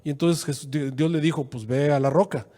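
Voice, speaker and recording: A man preaching a sermon as pastor, acting out quoted voices with sudden jumps in pitch. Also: fairly even intonation, fairly quick, dark tone.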